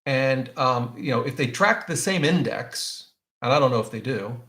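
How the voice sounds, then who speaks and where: A man's voice: mid-range voice, lively intonation, normal speed, fairly bright tone, reverberant. A man hosting a live question-and-answer stream, explaining his choices in a casual way and often restarting his sentences as he thinks aloud. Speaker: finance channel host answering viewer questions.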